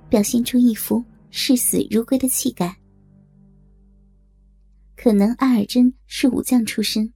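A woman storyteller narrating a historical tale in a steady, even-paced reading. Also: on the high side, creaky, husky.

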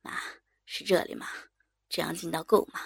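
A woman putting on a hushed young son. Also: on the low side, fairly even intonation, moderate pace, creaky, husky, pitched below the performer's own voice, heavily acted. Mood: tender. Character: young adult son, calm and affectionate.

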